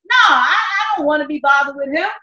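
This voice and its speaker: A woman's voice: high voice, animated, a little fast, pushed and bright, heavily acted. A woman playing a bitter grown daughter about to marry, speaking in a scornful, emphatic way. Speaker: church skit actor. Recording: echoey, dull lo-fi sound.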